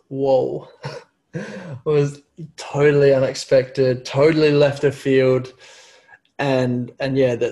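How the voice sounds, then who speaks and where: Man, young, casual storytelling, flat pitch, stumbling repeated words. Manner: halting, repeats words often.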